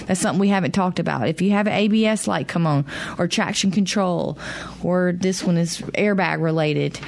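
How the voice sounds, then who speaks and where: A low, gravelly female voice with a plain-spoken, practical delivery. She talks casually and directly, like a mechanic walking a radio caller through what to do. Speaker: auto mechanic advising callers. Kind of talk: radio call-in advice, casual.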